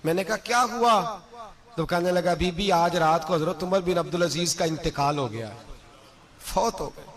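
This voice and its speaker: High-pitched impassioned male preacher. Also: moderate pace, a bit bright. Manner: retells a story with emotional, rising exclamations. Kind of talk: sermon storytelling.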